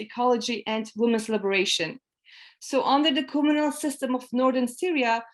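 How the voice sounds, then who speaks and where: A woman's voice: fairly high pitch, low-quality recording. A woman moderating a panel, reading an introduction steadily with a few fillers. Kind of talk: read introduction.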